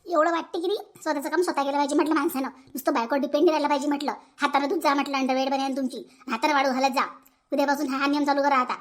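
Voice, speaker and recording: Woman voicing a shrill sulky young wife. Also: steady tone, natural voice. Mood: scolding. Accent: Vidarbha Marathi. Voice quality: shrill and high. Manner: quick and indignant, talks back. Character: sulky young wife who dodges chores. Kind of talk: cartoon voice acting.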